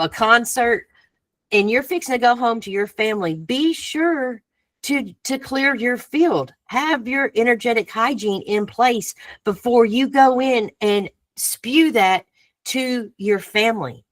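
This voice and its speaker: A woman giving a spiritual coaching talk, telling stories in an animated, playful way. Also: mid-range voice, dry recording. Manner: animated storytelling, playful, with laughs. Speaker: summit speaker.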